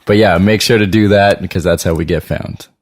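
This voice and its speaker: Jokey low-voiced man co-hosting. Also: fairly quick, no room sound, studio quality. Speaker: podcast co-host. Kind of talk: casual podcast chat.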